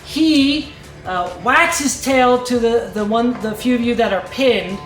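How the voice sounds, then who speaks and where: Brisk higher-voiced woman game master, echoey room. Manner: brisk, commanding calls of rules and countdowns. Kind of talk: narrating a live tabletop game. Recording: echoey room with music behind.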